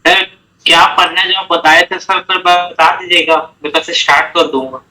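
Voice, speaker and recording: Young-sounding student guy, polite, bright sharp voice. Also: a little high, steady tone, normal speed, low-quality recording. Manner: polite, addresses the teacher as sir.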